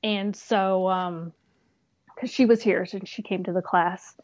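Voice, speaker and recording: A woman's voice: medium pitch, steady tone, a little slow, no room sound, highs cut off. A woman chatting casually about her hobby, rambling a little and often trailing off with "so". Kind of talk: casual chat.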